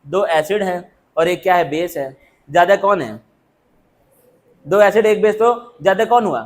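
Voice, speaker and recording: Speaking at normal speed in a high voice, a male teacher leads a lecture full of rhetorical questions and call-and-response drilling. He jokes with the class, teases and calls on students by name.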